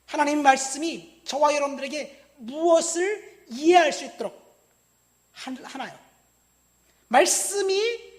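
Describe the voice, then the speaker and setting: A woman in her fifties from Busan, a pastor preaching a sermon, stressing words loudly and then dropping to quiet asides while asking the congregation questions. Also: extremely high pitch. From Busan, South Korea. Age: 50s. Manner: addresses the congregation directly with questions.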